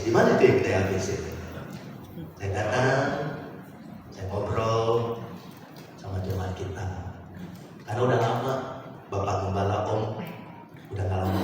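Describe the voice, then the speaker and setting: Man preaching in an echoey hall. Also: on the low side. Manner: storytelling, rising to loud exhortation. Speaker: pastor. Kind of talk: sermon. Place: large church hall. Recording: echoey hall from far off, noisy.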